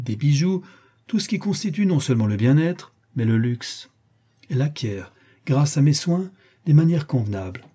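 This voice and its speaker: A man's voice: mid-range voice, dark tone, husky, lightly acted. A man reading an audiobook and voicing a haughty older aristocratic countess who scolds and commands.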